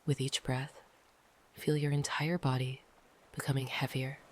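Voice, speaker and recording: Speaking unhurriedly with long gaps between phrases, a narrator guides a soothing meditation in a soft, breathy mid-range voice that often drifts into a whisper. Faint noisy ambience can be heard in the background.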